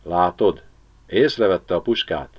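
A man voicing a calm, sensible young man who reasons patiently. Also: sits low. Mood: reasoning. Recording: slightly dull lo-fi recording.

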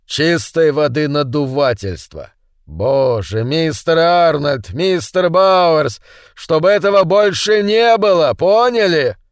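A man's voice: a little high, lively intonation, slow pace, clear, resonant tone, no room sound, studio quality. A man voicing a stern, sarcastic male schoolteacher who talks in a sneering, commanding way. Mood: scolding.

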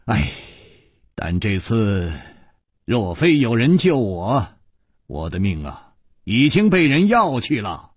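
A man doing a calm, wry swordsman hero. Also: fairly low pitch, slow pace, breathy edge, no echo, studio quality, exaggerated voice. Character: calm, wry male hero, composed and knowing.

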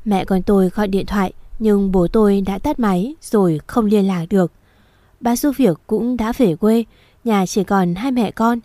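A woman reading a first-person story aloud in a steady, somber storytelling manner. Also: medium pitch, moderate pace, no echo. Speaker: narrator.

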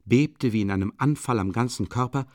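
Calm, dry male audiobook narrator. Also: medium pitch, dry recording. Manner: measured, calm literary reading. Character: brooding young man, defiant and bitter. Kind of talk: scripted narration.

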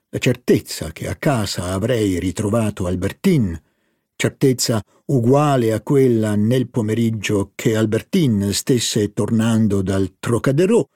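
A man reading a literary novel aloud as an audiobook narrator, in a measured, expressive way. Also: fairly low pitch, creaky, dry recording, clean studio sound.

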